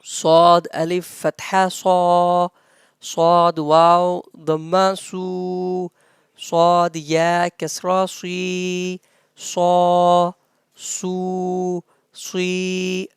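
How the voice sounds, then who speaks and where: A Quran teacher leading a slow recitation lesson, spelling letters and drawing out each long vowel in careful drills. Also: mid-range voice, monotone, clear, resonant tone, dry recording, studio quality. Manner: drawn-out, careful drilling of syllables.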